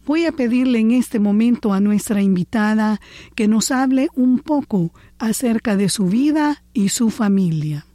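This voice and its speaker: A woman hosting a talk show, introducing the topic in a calm, scripted, measured way. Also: fairly high pitch, dry recording, studio quality. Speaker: host.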